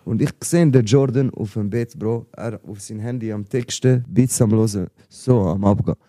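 A young man with a Swiss German accent tells a story in loose, slangy chat, calling his friend bro again and again. His voice is very dark and mellow. It sits dry and close on the mic. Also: fairly low pitch, moderate pace, dry recording. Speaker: podcast guest, rapper. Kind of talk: casual chat.

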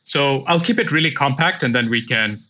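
A man from Pakistan in his thirties appears as a guest on an interview podcast. His voice is bright and forceful, and he tells his story in a measured, reflective way. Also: mid-range voice, expressive. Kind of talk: casual interview.

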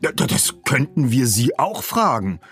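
A man's voice: mid-range voice, sing-song, moderate pace, fairly bright tone, husky, faint music behind. A man voicing a pedantic teenage boy detective who stammers and lectures formally. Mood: lecturing.

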